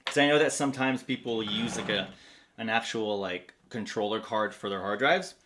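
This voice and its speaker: A man's voice: on the low side, moderate pace, background noise. A man hosting a livestream in a casual, rambling way, full of fillers, reading viewer comments aloud. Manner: rambling, many fillers, reads chat aloud. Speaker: livestream host.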